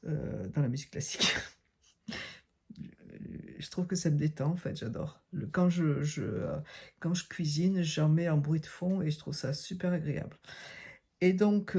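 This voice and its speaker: Hoarse, gravelly-voiced sick woman vlogging. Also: low voice, dark tone. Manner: chatty and hesitant, often restarting phrases. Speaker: vlogger reviewing products. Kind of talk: casual product review vlog. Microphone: phone camera.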